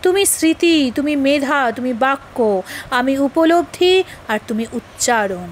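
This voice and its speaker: A woman reading the part of a simple, devoted young village wife who speaks softly and earnestly. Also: high voice, animated, measured pace, a little hiss or hum. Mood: devout. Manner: soft, earnest and plain-spoken.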